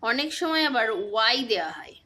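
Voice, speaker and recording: A woman with a high, bright voice leads a relaxed phonics lesson. She keeps asking short quiz questions and repeats the answers patiently. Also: brisk. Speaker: teacher.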